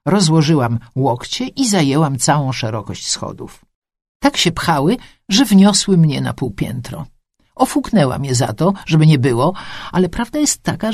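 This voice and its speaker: A woman narrating a first-person story with a lively, expressive reading. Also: sits low, no room sound, clean studio sound.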